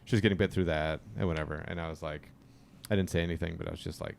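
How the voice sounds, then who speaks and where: Low gravelly man telling stories. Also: steady tone, rapid-fire, slight background noise. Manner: storytelling, dry teasing humor. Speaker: podcast host. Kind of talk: casual podcast chat.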